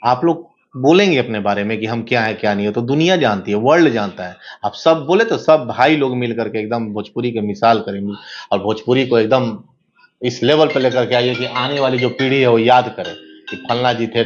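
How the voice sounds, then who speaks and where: A man, giving an interview in an animated, emphatic, lecturing way. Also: on the low side, slight background noise. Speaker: interview guest. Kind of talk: casual interview talk. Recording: dull lo-fi sound.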